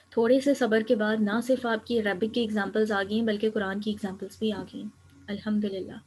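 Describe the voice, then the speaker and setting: A woman's voice: mid-range voice, darkish tone, slightly rough, poor audio. A woman teaching an Arabic grammar lecture, explaining each step patiently and slipping English terms into her talk.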